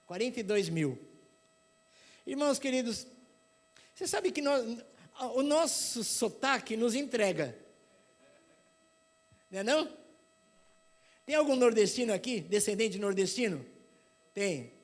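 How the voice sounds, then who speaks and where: A middle-aged man with a São Paulo accent preaching a sermon, telling lively stories and acting out other people's voices. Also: very high-pitched, unhurried, pauses often. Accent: paulista. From São Paulo, Brazil. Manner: animated storytelling, acts out voices.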